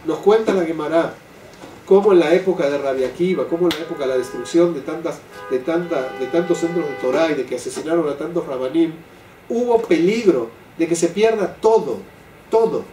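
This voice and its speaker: An older man leading a Torah class for a live group, often checking in with "¿sí?" and slowing down to stress key phrases. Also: fairly high pitch, dark tone, faint music behind. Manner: keeps asking "¿sí?" to his listeners. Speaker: Torah teacher. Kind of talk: religious class lecture. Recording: echoey room, voice from a distant mic, faint background noise.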